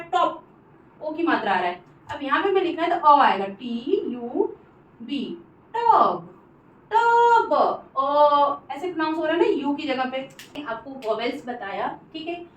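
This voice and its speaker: A woman teaching an English phonics lesson, spelling out letters slowly and repeating each word. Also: sits high, far from the mic, highs cut off. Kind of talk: classroom-style phonics lesson. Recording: echoey room, voice off-mic.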